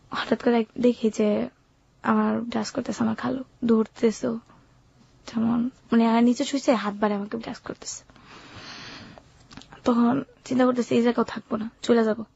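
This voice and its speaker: This is informal first-person storytelling from a seventeen-year-old woman with a colloquial Bangladeshi Bengali accent, plain and unsentimental about her life. Her slightly high voice has vocal fry, a darkish tone and a breathy edge, captured in dull audio.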